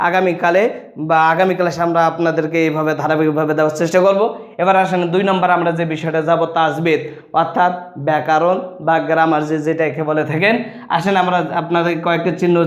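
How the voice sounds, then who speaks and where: A man teaches Quran reading, his voice pitched high for a man. He drills letters and syllables in a slow sing-song chant. The room around him rings with echo. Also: little pitch movement.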